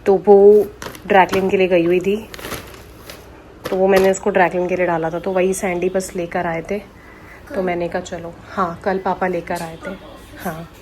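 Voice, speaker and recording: Chatty young woman vlogger, flat delivery. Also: lowish voice, moderate pace, slight background noise, low-quality recording. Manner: chatty, rambling, talks straight to viewers. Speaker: family vlogger. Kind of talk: casual vlog chat to viewers. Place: home.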